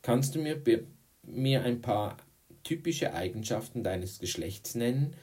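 A man voicing a friendly, witty female teacher in an audiobook, with a raised, lively voice. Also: mid-range voice, a little slow, distant mic, pitched above the performer's own voice, natural voice. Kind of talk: audiobook reading.

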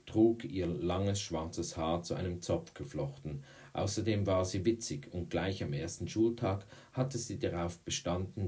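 A man narrating an audiobook in a measured, steady way. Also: low voice. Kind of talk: audiobook reading.

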